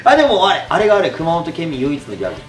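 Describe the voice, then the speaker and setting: A man's voice: fairly high pitch, big pitch swings, racing, faint music behind. Joking Kumamoto-accented man in an echoey room. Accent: Kumamoto dialect. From Kumamoto, Japan. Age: middle-aged. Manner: joking, teasing, laughs often. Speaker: YouTuber host. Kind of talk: casual chat.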